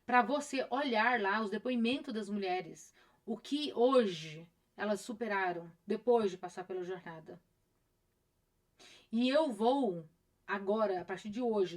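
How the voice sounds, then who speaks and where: A middle-aged woman therapist with a Brazilian Portuguese accent, talking casually on a live stream, repeating phrases and acting out her patients' voices. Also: mid-range voice.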